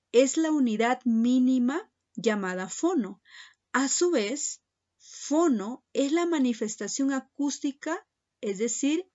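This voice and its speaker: A woman's voice: fairly high pitch, dull audio. A woman teaching a secondary school class in a recorded lesson, speaking patiently and addressing her students directly.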